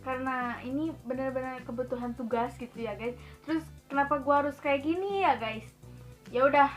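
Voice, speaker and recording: A woman's voice: high voice, normal speed, soft background music. A young woman chatting casually to camera as a vlogger, slangy and talkative, often laughing and calling her viewers guys.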